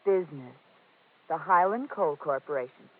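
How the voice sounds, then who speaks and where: An actress playing a flirtatious, lonely widow in a 1950s radio detective drama, with a coy, theatrical delivery. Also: female voice, low-pitched, expressive, moderate pace. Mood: recounting, agitated. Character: flirtatious, lonely widow, coy coal company vice president. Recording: tinny, band-limited 1950s radio recording.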